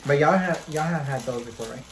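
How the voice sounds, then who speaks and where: A man hosting a casual mukbang chat with friends, relaxed and slangy, dropping in Spanish words. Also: fairly high pitch, brisk, background noise. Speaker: host. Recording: roomy echo.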